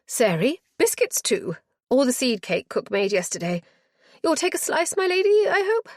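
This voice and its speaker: A woman narrates a novel, performing a bustling older widow from a village who gushes with old-fashioned courtesy in a flustered, fluttery way. Her voice is raised above its natural register, high and very animated at a normal speed. The studio-quality recording is dry.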